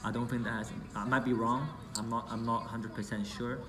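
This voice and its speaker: An event organizer, a man born in Hong Kong who grew up in the UK, delivers a loose, rambling speech of thanks, full of fillers and correcting himself as he goes. He talks briskly at a medium pitch with little variation, in an echoey room.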